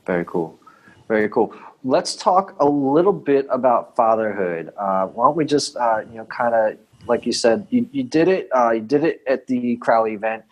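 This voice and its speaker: Give me a relaxed male podcast host. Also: mid-range voice, normal speed. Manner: relaxed, brief affirmations, calls guest "brother". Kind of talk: casual podcast interview.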